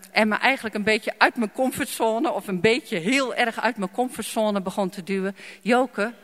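A woman's voice: fairly high pitch, a bit bright. A woman preaching a sermon and telling her own testimony, emphatic, repeating phrases and asking the audience to respond. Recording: long hall reverb.

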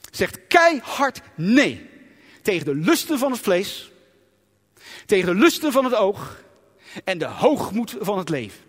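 A man preaching a sermon in an emphatic, dramatic way, sometimes acting out inner voices. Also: high-pitched. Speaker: pastor. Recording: long reverb of a church hall.

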